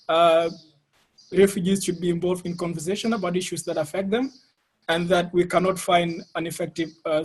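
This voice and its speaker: Earnest man introducing himself, high voice. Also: breathy edge, poor audio. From Ethiopia. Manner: earnest, firm, with uh fillers. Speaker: media student, panel speaker. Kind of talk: self-introduction on a panel. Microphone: video call.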